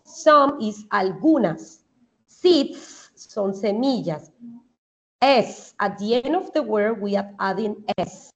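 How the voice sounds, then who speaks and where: In another online English grammar class, the same Colombian-accented teacher works through explanations step by step and makes sure her students are following. Her medium-pitched voice is animated, with drawn-out words, and the recording's highs are cut off.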